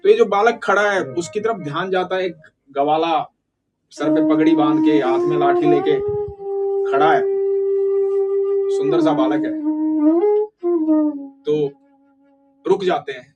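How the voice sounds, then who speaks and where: Guy telling a devotional tale, dramatic and emotive, pitch jumping around a lot, flute music loud behind. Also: sing-song, measured pace, long pauses, poor audio. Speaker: devotional storyteller. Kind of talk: devotional story narration.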